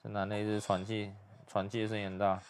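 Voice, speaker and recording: A young man giving hushed, muttered play-by-play commentary as he reacts to a video. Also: on the low side, little pitch movement, fast.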